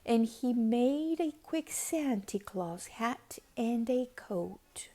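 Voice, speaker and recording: A woman reading a children's story aloud expressively, with deliberate dramatic pauses and emphasis. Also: a little high, animated, dark tone. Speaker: storybook reader.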